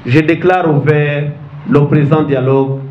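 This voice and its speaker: A Congolese government official opens a conference with a formal speech read aloud to an audience in a meeting hall, his high voice slow and steady. The room is echoey, the sound dull, with faint noise in the background.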